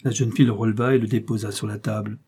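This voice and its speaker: A man narrating a novel aloud in a calm, measured reading. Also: fairly low pitch, slightly rough. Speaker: audiobook reader. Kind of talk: scripted narration.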